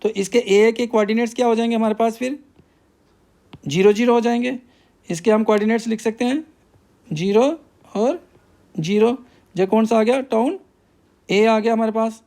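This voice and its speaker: A man's voice: high voice, steady tone, moderate pace, pauses often, a little mellow. A male math teacher, working through a problem step by step and asking himself questions before he answers them.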